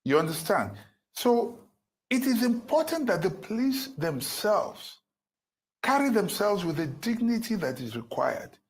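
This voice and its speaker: A man's voice: sits high, big pitch swings, unhurried, slight background noise. A man with a Nigerian accent giving commentary, explaining with a pidgin proverb. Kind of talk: analytical commentary.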